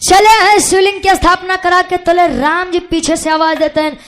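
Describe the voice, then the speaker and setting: Performing Birha folk song over music at a live outdoor stage show, a Bhojpuri-accented woman tells an epic tale in speech, then draws her lines out into long sung verses. Her pitch is extremely high, with little movement in it.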